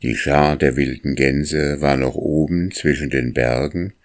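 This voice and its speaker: A man narrating a children's storybook in a calm, measured reading. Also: very deep voice.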